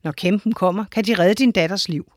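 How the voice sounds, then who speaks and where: A woman voicing a helpful, wise old village woman in a storybook reading, explaining calmly and instructively. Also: mid-range voice, no room sound, studio quality, close to an everyday voice.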